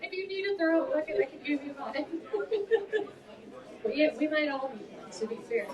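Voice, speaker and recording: High-voiced woman suffering through spicy food. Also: lively intonation, normal speed, muffled recording, crowd noise. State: in pain, mouth burning from spicy food. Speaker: hot wings challenge host. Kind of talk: casual banter at a live hot sauce challenge. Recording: live room, distant mic, audience noise.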